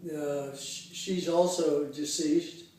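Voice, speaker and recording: A man in his eighties from Cincinnati, Ohio, reminisces slowly with a soft, mellow tone that sits a little high for a man. He pauses often and fills gaps with "uh" and "um" as he recalls his life. He sounds distant from the mic in a very echoey room. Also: steady tone. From Cincinnati, Ohio, USA. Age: 80s. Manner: unhurried, halting, reminiscing with many fillers. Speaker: interviewee. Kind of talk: casual oral history interview.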